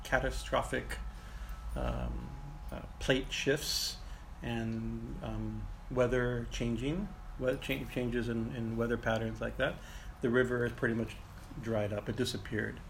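A man teaching and telling ancient myths informally, in a halting way that circles back over phrases and often checks in with "right?". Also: medium pitch. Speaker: teacher and storyteller. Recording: clearly noisy ambient background.

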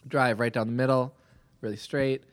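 A man hosting a podcast, telling a golf story in animated casual chat and acting out his own thoughts. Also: mid-range voice, normal speed, no room sound. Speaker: podcast host, golfer.

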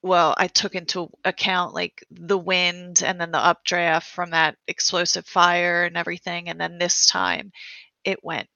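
Woman, tabletop player, casual chat, bright edge, creaky, dry sound. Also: fairly low pitch, little pitch movement, unhurried, no room sound, lo-fi sound.

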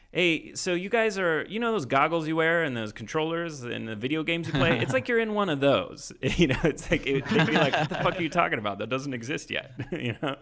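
A man's voice: medium pitch, a bit bright. A man in his thirties hosting a casual chat, musing in a laid-back way and laughing easily. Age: 30s.

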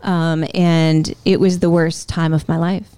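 A woman guest telling her own life story in a candid, conversational way, often with "um" and "like", acting out her past thoughts in a higher voice. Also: flat delivery, unhurried, warm tone, smooth, no echo. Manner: frequent "um" and "like", self-interrupting. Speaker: interview guest.

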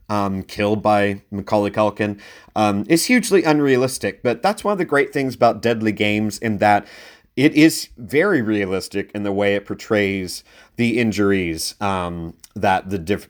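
A man hosting a casual film review podcast, talking conversationally and leaning into his recommendations with emphasis. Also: lowish voice. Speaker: podcast host.

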